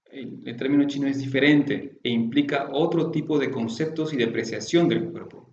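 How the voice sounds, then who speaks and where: A man lectures his students on classical Chinese medicine, explaining patiently, posing rhetorical questions, and often adding tag questions. His mid-range, slightly mellow voice moves at a moderate pace. The recording is muffled, with an echoey room and a little hiss or hum.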